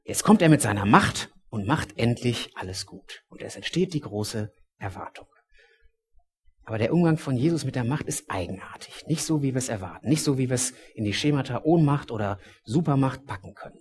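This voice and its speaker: A man's voice: medium pitch, expressive, brisk. Man preaching a dramatic sermon. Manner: storytelling, dramatic shifts between loud and hushed.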